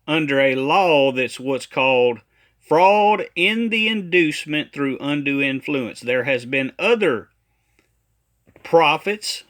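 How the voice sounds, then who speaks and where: A man from a ministry giving a critical commentary monologue, talking emphatically and deliberately and repeating his points. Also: fairly high pitch, pushed and bright.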